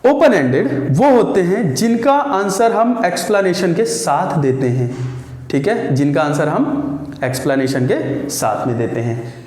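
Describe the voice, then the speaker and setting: A man's voice: sits high, animated, measured pace, a little mellow. A man teaching English grammar for exam prep, who asks his class questions and answers them himself, repeating key words. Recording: echoey room.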